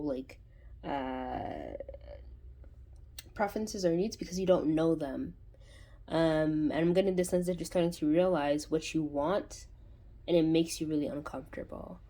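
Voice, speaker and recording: A woman's voice: on the low side, warm tone. A woman hosting her own channel, giving a casual spoken tarot reading in a rambling way, full of fillers and restarts. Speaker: tarot reader and channel host.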